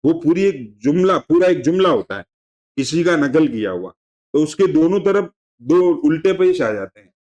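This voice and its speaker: A man giving a religious lesson to a class, explaining terms in a conversational, digressive way and repeating himself to make points clear. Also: a little high, expressive, normal speed, a little mellow. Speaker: religious teacher.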